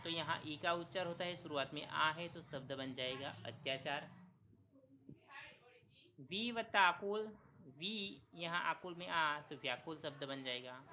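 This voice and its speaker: A man's voice: a little high, pushed and bright, a little hiss or hum. A man teaching a school grammar lesson, who repeats each sound and asks his students questions that he then answers himself. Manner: repeats sounds and steps slowly. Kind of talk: recorded Hindi grammar lesson.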